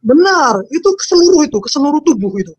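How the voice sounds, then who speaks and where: A woman giving an emotional personal testimony as an interview guest, repeating her phrases and swinging widely in pitch. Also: sing-song, racing, highs cut off.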